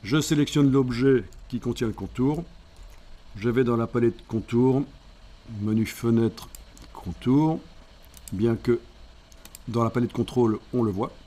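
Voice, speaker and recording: A man speaking, explaining a software tutorial step by step and thinking aloud as he works. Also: medium pitch, measured pace, pauses often. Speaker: software instructor. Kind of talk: screen-recorded software tutorial.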